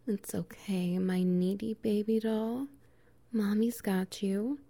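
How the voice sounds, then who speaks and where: Slow, mellow-voiced woman, soft and teasing. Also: steady tone. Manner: soft teasing, often whispering, with low laughs. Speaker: audio roleplay performer. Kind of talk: intimate audio roleplay.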